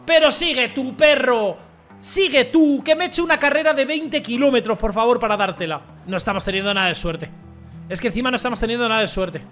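A young man giving excited commentary as he plays a football video game, talking to his viewers, swearing and shouting at the referee. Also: very high-pitched, fairly quick, soft background music. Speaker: gaming streamer.

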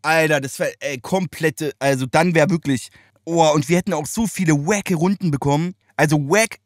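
A man hosting a casual reaction chat, animated and slangy and quick to laugh. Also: fairly high pitch, dry recording, clean studio sound. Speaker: host.

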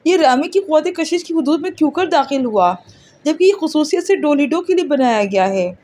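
Audiobook: high-voiced, calm, superior alien girl, patient and matter-of-fact, read by a woman. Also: slight background noise. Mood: lecturing. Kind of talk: audiobook character reading.

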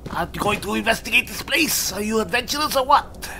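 A man role-playing a boisterous barbarian adventurer in halting, exclamatory video game commentary. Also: sits high, lively intonation, sharp tone. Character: boisterous male barbarian adventurer eager to fight. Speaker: player and host of a role-play gaming series. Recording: clear background noise, game ambience.

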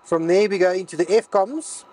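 A man's voice: sits high, brisk, warm tone, rough recording. A man walking through a cockpit setup as a pilot instructor, reading out each setting step by step in a cockpit. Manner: methodical, reads out settings step by step. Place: aircraft cockpit.

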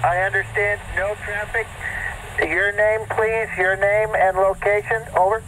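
A man heard over a ham radio, relaying for a net with formal radio procedure. He speaks in a measured, patient way and asks callers to repeat and spell. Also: high-pitched, little pitch movement, background noise.

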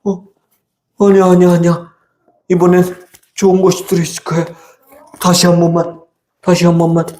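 A man's voice: sits high, level tone, moderate pace, pauses often, a little mellow, lightly acted. A man voicing a naughty young boy puppet in a live children's church puppet show, whiny and pleading. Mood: nervous. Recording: echoey church hall, faint noise.

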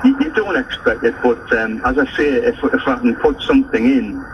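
A man speaks haltingly as a radio guest, stumbling and starting over. He sounds distant through a muffled broadcast line. A steady hiss of noise sits under him. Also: mid-range voice. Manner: halting, many restarts. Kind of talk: radio interview.

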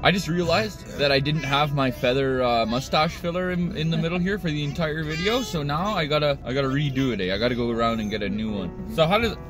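A man's voice: on the high side, fast, hardly any pauses, music in the background. A man in his thirties giving a casual food review on a phone inside a car. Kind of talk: casual vlog chat. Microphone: phone at arm's length.

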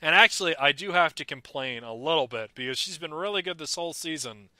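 An excitable young man co-hosts a casual podcast chat. His voice is very bright and a touch high. The sound is dry and close. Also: no echo. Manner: excitable, quick to do mock voices. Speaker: podcast co-host. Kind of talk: casual chat about a cartoon.

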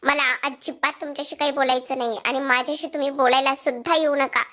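A woman's voice: sits high, steady tone, quick pace, sharp tone. A woman voicing a young husband who reproaches his wife in anger. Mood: angry. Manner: reproachful, bitter. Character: hurt, angry young husband.

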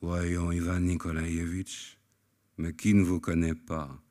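An actor reading aloud, voicing a calm, sly foreign professor who speaks slowly and teasingly. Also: male voice, low-pitched. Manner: measured, teasing, slow deliberate delivery.

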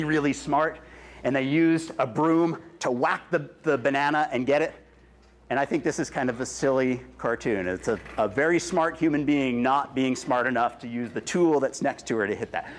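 A middle-aged man with a slightly high voice gives an excited science talk to schoolchildren in a large, crowded school cafeteria, mixing in Spanish phrases and taking questions. He walks and gestures in front of the kids while wearing a wireless headset or lapel mic. The recording sounds roomy and distant, with noisy children behind him.

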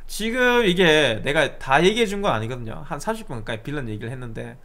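A man's voice: a little high, fast. A young man casually telling a personal anecdote, acting out both sides of a phone argument. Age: young adult. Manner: animated, acts out both sides of the dialogue. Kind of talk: casual storytelling.

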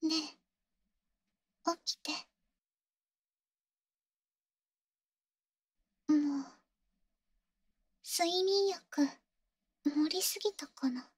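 A woman playing an insecure young girlfriend in an ASMR role-play, halting and pleading, with a sweet, eerily obsessive manner. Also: very high voice, slight background noise, heavily acted. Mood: eerie, sweet. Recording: close, dry ASMR audio.

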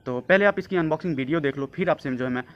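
A man's voice: fairly high pitch, rapid-fire. A man speaking through a face mask, casually reviewing a product on his video channel with lots of filler words. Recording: dull, muffled lo-fi sound.

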